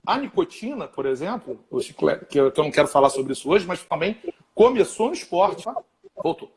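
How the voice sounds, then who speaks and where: A man's voice: fairly high pitch, fairly quick. A man, a doctor, telling stories and agreeing eagerly in a live-stream conversation. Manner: animated, storytelling, agreeable. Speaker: physician and lecturer.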